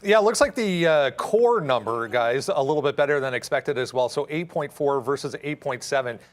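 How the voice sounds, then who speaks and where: A man co-hosting a livestream, explaining market news in an unscripted, halting way. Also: medium pitch, lively intonation. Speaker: co-host reporting market news.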